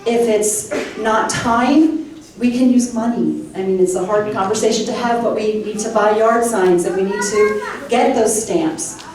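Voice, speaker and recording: A woman's voice: on the high side, a little mellow. A woman state representative and former teacher giving a heartfelt, rallying campaign speech. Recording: echoey room from far off.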